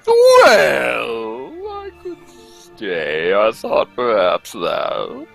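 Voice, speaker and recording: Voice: medium pitch, huge pitch swings, very slow, vocal fry, faint music behind, exaggerated voice. A performer playing Doctor Watson as an amiable, curious, easily astonished male companion in a theatrical radio play reading. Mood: amiable, eager. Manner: theatrical, exclamatory, questioning. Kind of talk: live radio play reading, old-time radio acting.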